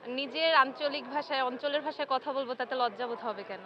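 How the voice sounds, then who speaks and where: A young woman from Barishal answering a street interviewer at a fair in a relaxed, cheerful way. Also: sits high, quick pace, slight background noise. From Barishal, Bangladesh. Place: outdoors at a busy fair. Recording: muffled outdoor recording with crowd behind.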